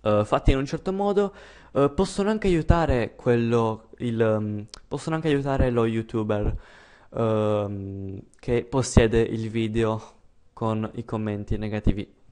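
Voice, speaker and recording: A man's voice: lowish voice, a little slow, dark tone, clean tone. A young man from Italy giving a casual, unscripted YouTuber update, rambling and hesitant with self-deprecating remarks.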